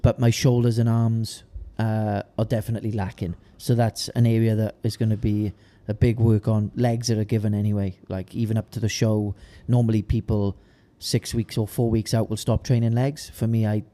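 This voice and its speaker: A man's voice: lowish voice, little pitch movement, moderate pace, few pauses, dark tone. A young man from the South Wales valleys with a Welsh Valleys accent, chatting casually in a laddish, colloquial way. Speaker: podcast co-host, amateur bodybuilder. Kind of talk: casual chat, anecdotes.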